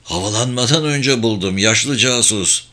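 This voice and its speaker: A man's voice: medium pitch, a little slow, pushed and bright. A man voicing a brash, swaggering military pilot in an audiobook thriller. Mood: gruff. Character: gruff boastful male military pilot.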